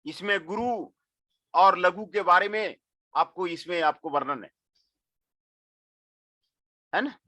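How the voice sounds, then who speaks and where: Middle-aged male lecturer, high and bright, unhurried, repetitive delivery, dry close sound. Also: no echo. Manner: mixes Hindi and English, repeats phrases, frequent filler "aapko". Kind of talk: classroom lecture.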